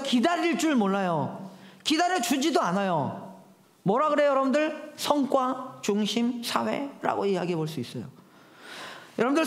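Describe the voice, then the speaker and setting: A man's voice: very high voice, roomy sound. A man in his thirties preaching a sermon, telling stories animatedly and speaking directly to the congregation. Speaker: pastor. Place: church hall.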